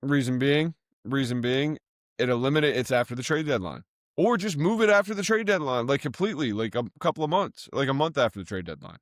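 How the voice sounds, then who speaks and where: A man co-hosting a casual sports podcast, talking in an emphatic, animated way and cutting off his own swear words. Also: medium pitch, brisk, no echo, clean studio sound. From Boston area. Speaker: podcast co-host.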